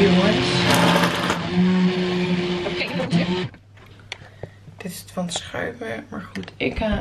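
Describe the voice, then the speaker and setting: A chatty young woman vlogging from her kitchen, talking straight to her viewers as she stirs and mixes. Her voice sits a little high, and the room rings back with echo over a faint hum of noise. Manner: chatty, animated, addresses viewers as guys. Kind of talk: casual cooking vlog chat. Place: home kitchen.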